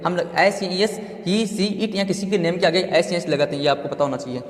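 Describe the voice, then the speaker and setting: A man's voice: high-pitched, brisk. A man giving a step-by-step grammar lesson, repeating terms and asking himself questions. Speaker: grammar teacher. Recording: echoey room with long reverb.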